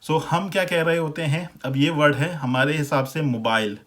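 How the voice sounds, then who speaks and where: A man from Pakistan with a Pakistani accent, giving a relaxed, conversational pronunciation lesson and repeating words slowly to compare them. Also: a little high. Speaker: language teacher. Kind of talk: casual explanatory lesson.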